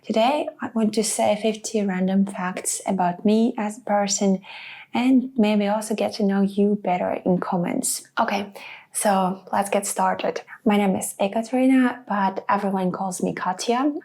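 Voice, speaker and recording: A woman's voice: medium pitch, steady tone, measured pace, a little mellow. A woman in her twenties from Russia, talking casually to the camera about herself in a vlog. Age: 20s. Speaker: vlogger.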